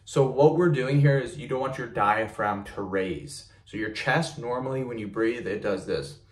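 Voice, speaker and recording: A young man, a fitness vlogger, chats casually in a loose home vlog from his small home gym, full of ums and repeated words. His voice is medium-pitched and animated at normal speed. He's recorded by the camera mic in front of him, framed from head and shoulders.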